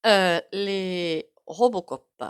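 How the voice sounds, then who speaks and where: A woman's voice: on the low side, very slow, clean tone. Rambling French woman reading tarot. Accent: regional French. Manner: rambling, hesitant, many fillers and asides. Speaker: tarot card reader. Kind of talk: casual tarot reading to camera.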